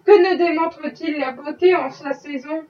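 A woman reading a novel aloud, voicing an ironic wealthy gentleman who is a worldly skeptic, with a dry, mocking manner. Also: high voice, moderate pace, recorded from a distance, muffled recording, close to an everyday voice. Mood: wry. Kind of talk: audiobook reading.

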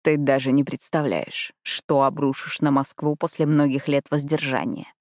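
A woman's voice: low voice, steady tone, normal speed, dry recording. A woman voicing a brooding, dangerous ex-convict man who speaks dryly and darkly. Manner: dry, dark, growling delivery.

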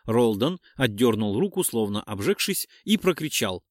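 Guy narrating an audiobook in first person, lively up and down voice, super dry booth sound. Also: mid-range voice, normal speed, no echo. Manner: expressive, dramatic telling.

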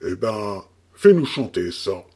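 A woman voicing the gruff male chief of a herd of wild boars in a read-aloud tale. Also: extremely low pitch, sing-song, takes it slowly, mellow, voice pushed down, heavily acted. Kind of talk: audiobook tale reading.

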